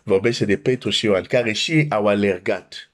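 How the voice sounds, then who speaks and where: Man, from Romania, sermon, reads Bible passages aloud, emphatic comments, lowish voice. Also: a little hiss or hum. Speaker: preacher.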